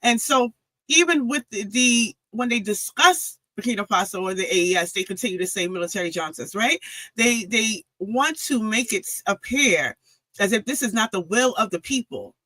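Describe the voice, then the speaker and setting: As a guest on an interview podcast, a woman presses forcefully through her analysis point by point, building arguments and often restarting sentences. Her medium-pitched voice is expressive and moderately paced. The recording is rough but close and dry, with no room sound or echo.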